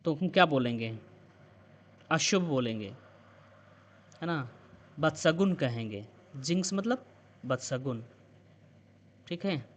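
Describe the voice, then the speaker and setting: Slow-paced, higher-voiced male teacher. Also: expressive. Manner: explains each word in Hindi with English example sentences read out slowly; repetitive prompting questions with tag "है ना?". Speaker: vocabulary teacher. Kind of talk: bilingual vocabulary lesson.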